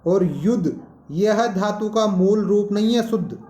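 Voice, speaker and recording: A male teacher, explaining a lesson slowly and posing questions to students. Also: high voice, mellow, echoey room. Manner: slow, explanatory, asks questions. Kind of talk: classroom-style lesson.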